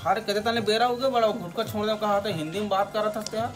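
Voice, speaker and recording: A man's voice: high-pitched, fairly even intonation, fast talker, lightly acted. A man playing an exasperated customer at a shop. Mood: bickering. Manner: bickering, repetitive, laughing often. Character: exasperated man arguing with a muddled shopkeeper. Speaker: actor in a comedy skit. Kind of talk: village comedy skit dialogue. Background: loud background music.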